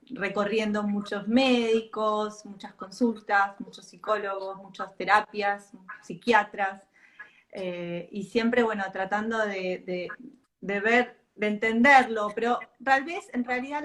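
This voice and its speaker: A middle-aged woman from Argentina speaks with an Argentine Spanish accent, voice of middling pitch. She talks reflectively, pausing and restarting her phrases as a guest in a live-stream interview over a video call. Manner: reflective, hesitant, many restarts. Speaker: guest author and mother.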